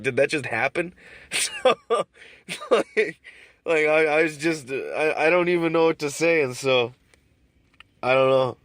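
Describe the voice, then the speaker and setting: Male host, casual rambling monologue full of swearing and fillers, mid-pitched voice, dry car recording. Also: a bit bright, no echo. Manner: rambling, profane, many restarts and fillers. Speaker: podcast host. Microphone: sitting in his car.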